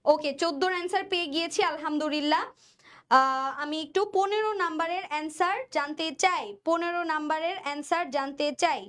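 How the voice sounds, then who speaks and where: Very high-voiced woman quizzing students. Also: fairly quick, a bit bright. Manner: repeats questions and answers, quizzes students. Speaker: admission test teacher. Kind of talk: online exam-prep lesson.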